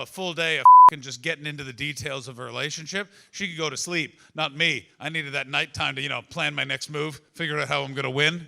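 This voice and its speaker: A man performing stand-up crowd work in a very sharp, punchy voice with a gravelly edge. He talks to the audience conversationally, swearing freely and teasing them. His pitch sits a little on the high side for a man. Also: slight background noise. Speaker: stand-up comedian. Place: live comedy venue with an audience.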